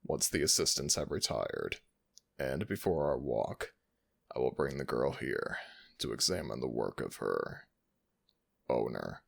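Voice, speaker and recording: In an ASMR audio roleplay, a man voices an ancient jackal god of the dead, commanding yet tender. His deep, slow, gravelly voice is expressive and exaggerated.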